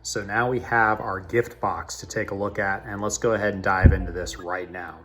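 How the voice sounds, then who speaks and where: Recorded in a cavernous, echoey room, a mobile game video host gives casual gameplay commentary, chattily narrating his way through the menus. His voice sits low, with fairly even intonation, normal speed and a bright, forceful tone.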